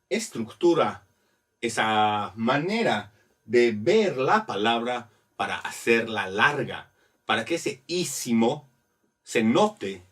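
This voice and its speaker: A man teaching a grammar lesson, explaining slowly step by step and spelling letters out. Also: medium pitch, a bit bright, distant mic. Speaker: Spanish teacher.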